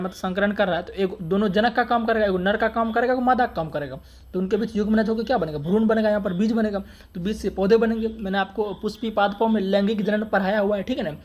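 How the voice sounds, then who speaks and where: A man's voice: sits high, lo-fi sound. A man teaching an exam-prep science lesson, asking questions and answering them himself and calling his viewers friends and brother.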